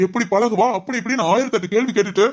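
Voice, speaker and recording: A woman playing a gentle, encouraging middle-aged father in an amateur family drama, speaking in a fast, soothing way. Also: medium pitch, natural voice. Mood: reassuring.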